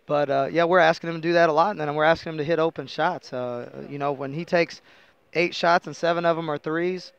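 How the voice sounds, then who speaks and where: Speaking a little quickly, the man has a slightly high voice with fairly even intonation, some vocal fry, and a smooth quality, captured in dull audio. He's a middle-aged American basketball coach giving a conversational, explanatory postgame interview on a headset mic at an arena's indoor interview table, peppered with "you know."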